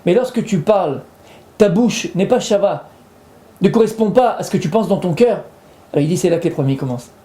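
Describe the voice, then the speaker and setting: A man's voice: sits high, lively intonation, a little fast, warm tone, roomy sound. A man, a rabbi, giving a Torah lesson, explaining patiently and repeating his points while weaving in Hebrew terms.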